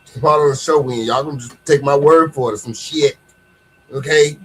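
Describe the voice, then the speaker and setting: An American man hosts a casual online gossip show in a voice pitched a little high for a man. His delivery is sassy and full of slang. He leans on repeated phrases to drive his points home. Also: steady tone, fairly quick, a bit bright, breathy edge, low-quality recording. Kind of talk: casual livestream gossip commentary.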